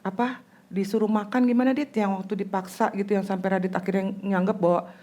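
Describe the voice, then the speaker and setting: Woman host of a casual family podcast: mid-range voice, soft and patient questioning, frequent small pauses. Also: mid-range voice, steady tone. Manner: gentle, probing questions with frequent hesitations. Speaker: podcast host interviewing her child.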